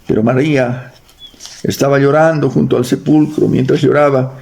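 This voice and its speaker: A man's voice: medium pitch, steady tone, normal speed, creaky, a little mellow. A man with a Bolivian accent preaching in a church, reading scripture aloud, joking with the congregation and quizzing them. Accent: Bolivian Spanish. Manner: reads verses aloud, adds jokes and quizzes the congregation.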